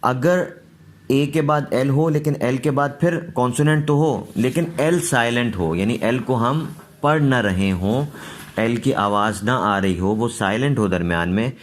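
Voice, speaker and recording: A man teaching English pronunciation, explaining rules patiently and repeating each word slowly. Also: fairly low pitch. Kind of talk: slow pronunciation lesson.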